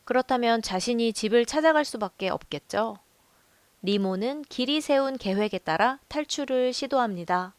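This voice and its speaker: A woman narrating a film review in a calm, measured storytelling voice. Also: fairly high pitch, faint music behind. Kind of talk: scripted voice-over narration.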